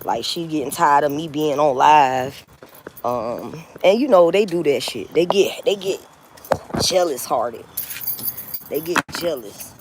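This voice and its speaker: A woman in her forties chats with her livestream viewers outdoors on her phone, against a noisy background. Her deep voice has lively intonation and a slightly slow pace. Bluntness, repetition, and frequent swearing and laughing mark her talk.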